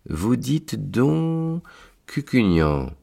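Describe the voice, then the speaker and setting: A man voicing a tall, dark-winged male angel of purgatory with a raspy, mournful voice, often pitched higher than his own. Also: sing-song, very slow, exaggerated voice. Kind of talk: storytelling read-aloud.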